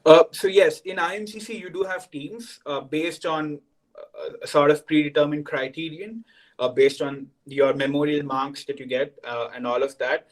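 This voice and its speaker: A man's voice: fairly high pitch, steady tone, moderate pace, poor audio. A young man, a senior student explaining things to new students on a video call and checking in with "right?". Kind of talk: orientation talk to students.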